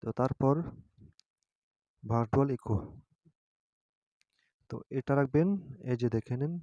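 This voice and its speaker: Hesitant and halting, a male tutorial host explains an app one step at a time, frequently seeking agreement and checking comprehension. His mid-range voice has a dark tone, and the audio has no echo but the highs are cut off.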